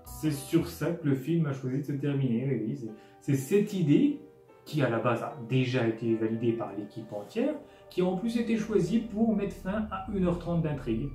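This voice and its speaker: A man's voice: a little high, animated, normal speed, mellow. A man narrating a scripted comedic film recap as host, sarcastic and full of casual asides, with music underneath. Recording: roomy echo, music underneath.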